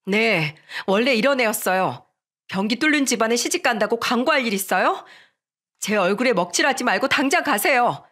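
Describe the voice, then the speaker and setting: A woman's voice: a little high, lively intonation, a little fast. A woman voicing a curt, snappish young bride-to-be in a narrated radio story. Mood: rude. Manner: curt and sharp.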